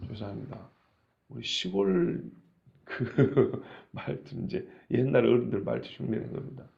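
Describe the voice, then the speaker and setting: A male pastor preaching a lively sermon, often putting questions to the congregation. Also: mid-range voice, a little slow, vocal fry, dull audio.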